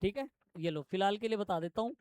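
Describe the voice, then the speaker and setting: Smooth-voiced man teaching a class. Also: high-pitched, animated, a little mellow. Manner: explains step by step, quizzing students with quick questions. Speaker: shorthand teacher. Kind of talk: classroom lesson.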